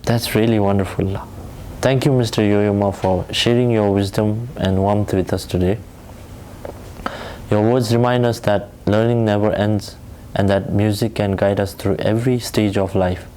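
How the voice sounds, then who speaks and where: A man's voice: on the low side, fairly even intonation, normal speed, warm tone, slight background noise. A man, politely asking prepared interview questions.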